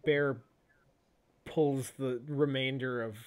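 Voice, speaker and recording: A man running a tabletop role-playing game as game master, narrating scenes with pauses and restarts. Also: mid-range voice, fairly even intonation, clean tone.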